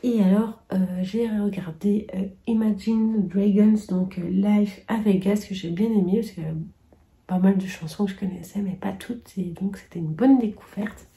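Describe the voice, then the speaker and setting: A woman's voice: mid-range voice, steady tone, moderate pace, creaky, dark tone. A middle-aged woman chatting casually to camera about her favourites, hesitant and full of fillers, often trailing off into near-whispers. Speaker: booktuber sharing yearly favourites.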